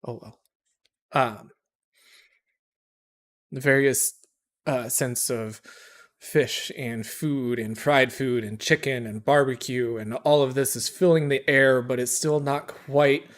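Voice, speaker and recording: A man narrating as game master, describing scenes in a loose, rambling way. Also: mid-range voice. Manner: casual, rambling with restarts.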